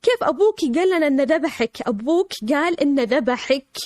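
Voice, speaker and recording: A woman voicing a panicked, tearful mother who pleads in a shrill voice. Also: expressive, rapid-fire, darkish tone, slightly rough, dry recording, clean studio sound. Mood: distraught. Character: panicked frantic middle-aged mother.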